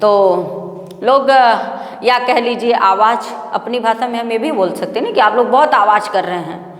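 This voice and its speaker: A fairly high-pitched woman teaching a grammar lesson, explaining patiently. She poses questions to the class and answers them herself. Her voice rings through a classroom with a long, echoing reverb. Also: moderate pace, fairly bright tone. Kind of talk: Sanskrit grammar lecture.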